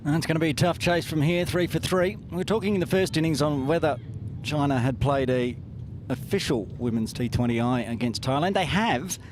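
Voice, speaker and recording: A man co-commentating on a cricket match, calmly adding statistics and replay analysis. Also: a little high, noisy background. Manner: measured, citing past statistics. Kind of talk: live sports analysis.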